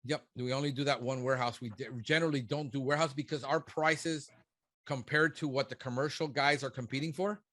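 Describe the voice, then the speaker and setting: A man's voice: mid-range voice, steady tone, brisk, a bit bright, dry recording. A man in his fifties, a business consultant, giving blunt and emphatic one-on-one coaching. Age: 50s. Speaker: pest control business consultant.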